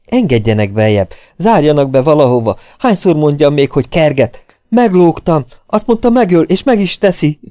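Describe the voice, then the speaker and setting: A man's voice: sing-song, warm tone, dry recording, clean studio sound. A man doing a shrieking, terrified fugitive. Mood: terrified pleading. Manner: shrill, pleading, panicked cries.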